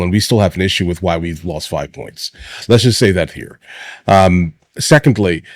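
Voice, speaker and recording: A man's voice: lowish voice, dry recording, studio quality. A middle-aged man giving off-the-cuff opinionated commentary as a host, emphatic and repetitive, often tagging his points with short questions. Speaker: host of a reaction show.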